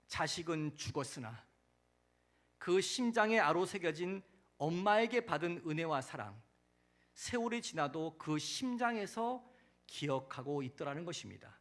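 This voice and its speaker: A male pastor preaching a sermon in a church, telling a story dramatically with loud emphatic peaks and soft, dropping sentence endings. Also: a little high.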